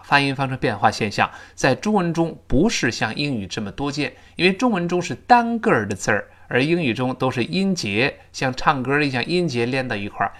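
A man teaching a spoken English lesson in Chinese, modelling English phrases slowly with a Chinese accent for listeners to repeat. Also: mid-range voice.

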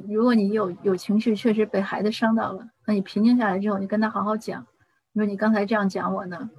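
A woman's voice: medium pitch, darkish tone, husky, no echo, low-quality recording. A middle-aged woman talking casually about parenting, with frequent restarts and personal anecdotes. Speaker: parent giving advice. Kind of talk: casual advice talk.

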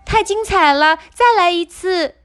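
Plucky clever princess, high eager voice, played by a woman storyteller. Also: lively intonation, measured pace. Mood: excited. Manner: bright, eager exclamations.

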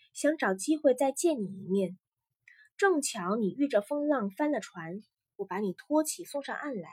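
A woman voicing a gentle sea maiden. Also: on the high side, husky, no room sound, studio quality.

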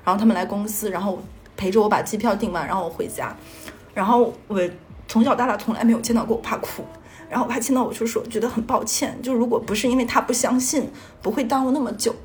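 A woman's voice: on the high side, quick pace, faint music behind. A young woman from Northeast China, telling a personal story in a rambling way and stringing thoughts together with "and then". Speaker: podcast storyteller.

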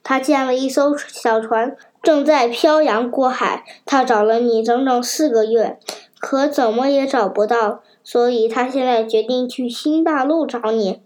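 A woman's voice: fairly high pitch, measured pace, a little mellow, close to an everyday voice. A woman voicing a big wise pigeon. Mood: kindly.

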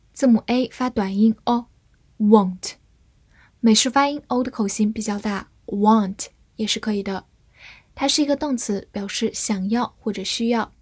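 A woman teaching English vocabulary in Chinese, a native Chinese speaker who spells each word letter by letter and repeats it slowly. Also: medium pitch, slightly rough, no room sound. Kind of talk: slow, deliberate vocabulary lesson.

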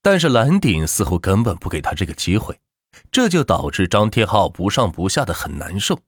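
A man reading a web novel aloud in animated audiobook narration, close to the mic. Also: low voice, fairly quick, slightly rough, dry recording. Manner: animated storytelling with expressive rises and falls.

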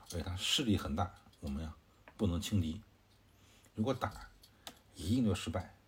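A man voicing an adult male commander who reasons calmly in a plain, conversational storytelling voice. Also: low voice, a little hiss or hum. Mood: reasoning. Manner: plain conversational retelling with drawn-out particles.

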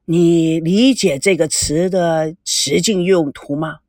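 A woman voicing an older fatherly man who speaks slowly and softly with a lowered voice. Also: dry recording, clean studio sound. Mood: knowing, fatherly. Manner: slow, soft, lowered voice.

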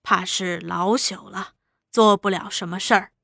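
A woman voicing a vain older local gentleman who speaks in a lowered, falsely humble tone. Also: lively intonation, measured pace, no echo, studio quality.

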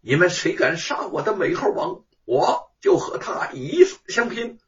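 A man playing a proud, defiant male scholar at court, loud and pleading by turns, on a dull, distant lo-fi recording. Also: on the high side, very animated, slow pace, heavily acted.

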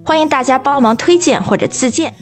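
Bright high-voiced woman teaching pronunciation. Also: animated, a little fast, over loud music. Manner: quizzes her co-host, confident and playful. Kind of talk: bilingual teaching chat.

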